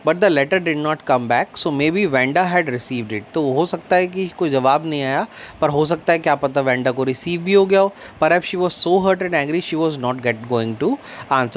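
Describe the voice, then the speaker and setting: A man teaching an English story, reading English lines slowly and then explaining them in Hindi, with a faint hiss behind him. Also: fairly high pitch, a little mellow.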